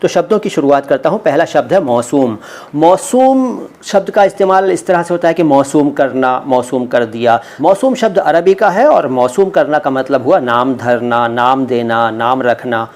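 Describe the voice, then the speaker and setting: Middle-aged male teacher, slightly high voice, deliberate drilled pronunciation, lesson style. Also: expressive, a little mellow. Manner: slow, careful pronunciation drills. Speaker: language teacher. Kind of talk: word-meaning lesson.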